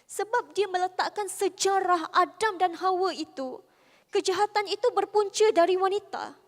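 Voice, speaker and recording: Woman, Malaysian Malay accent, religious convention talk, soft voice, conversational, big reverberant hall. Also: very high voice, normal speed. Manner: lively, conversational, with rhetorical questions. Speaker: religious speaker.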